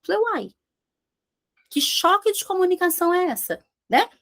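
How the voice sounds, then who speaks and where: A Brazilian woman with a high, bright-sounding voice teaching business communication. She speaks emphatically, stacks repeated phrases, and keeps calling out to her listeners as she drives each point home. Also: animated, a little fast. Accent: Brazilian Portuguese. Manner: emphatic, repetitive, addresses audience as "gente". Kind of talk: energetic business lecture.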